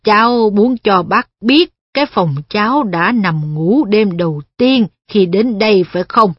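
A woman voicing a slow, gruff old blind man in a storybook reading. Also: mid-range voice, animated, no room sound. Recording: dull lo-fi audio, dry.

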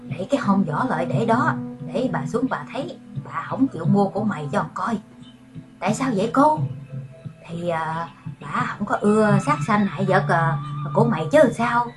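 A woman voicing a lively, quick-tongued young countrywoman, bossy with the village kids. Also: medium pitch, over music, close to an everyday voice. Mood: scolding softly.

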